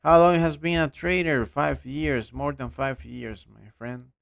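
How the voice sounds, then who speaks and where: A man's voice: a little high, measured pace, creaky. A young man from Costa Rica with a Costa Rican accent, hosting a live trading stream in his second language and answering viewer questions bluntly, his voice trailing off at the ends of phrases. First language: Spanish. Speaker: trading livestream host.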